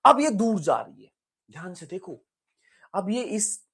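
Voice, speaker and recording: A man teaching a physics exam-prep lecture in a lively, chatty way. He mixes English terms into his explanations and often asks his students questions. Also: high voice, measured pace, husky.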